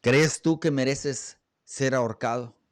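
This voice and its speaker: A man's voice: medium pitch, steady tone, takes it slowly, no room sound, studio quality, natural voice. A man voicing an old-time king, formal and commanding. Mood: regal. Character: old-time king, stern then merciful.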